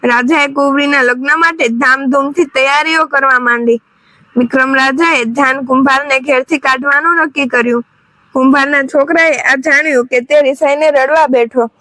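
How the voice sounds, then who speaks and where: A woman narrating a moral folk tale in a steady, measured storytelling manner. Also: sits high, no echo, low-quality recording.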